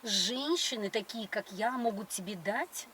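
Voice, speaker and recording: A woman's voice: mid-range voice, lively intonation, measured pace, over a noisy crowd. A middle-aged woman chatting on a date in a grand, coquettish and condescending manner. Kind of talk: casual date chat. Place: inside a car. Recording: noisy car interior.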